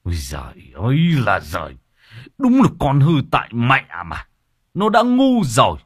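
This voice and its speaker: A man voicing a hot-tempered old village father who rants and yells at his son and wife. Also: mid-range voice, wildly swooping pitch, a little slow, husky, no room sound, studio quality, voice pushed up, heavily acted. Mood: bitter. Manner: yelling, ranting.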